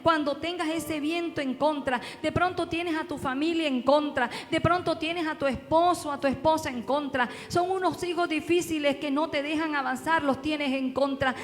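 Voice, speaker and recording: A woman's voice: sits high, normal speed, few pauses. A woman pastor preaching a sermon, asking her congregation one rhetorical question after another. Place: church. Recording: long reverb with faint music.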